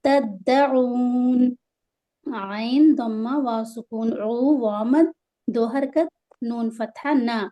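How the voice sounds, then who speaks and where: A woman teaching Quran recitation. She spells out letters and vowel marks, chants verses slowly, and explains the rules quickly in between. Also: fairly high pitch, mellow.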